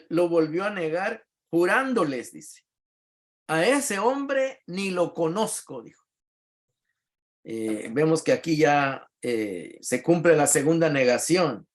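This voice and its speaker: Middle-aged male pastor, Latin American Spanish accent, fairly high voice, chatty Bible-class teaching, reads and explains. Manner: conversational, reads verses then explains, frequent tag questions.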